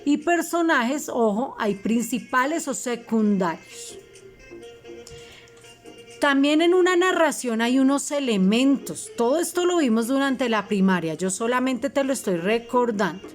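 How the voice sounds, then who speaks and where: A woman's voice: on the high side, animated, measured pace, faint music behind. A woman teacher, giving a recorded lesson to fifth graders and patiently spelling out each instruction. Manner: patient, reminding, spells things out for children.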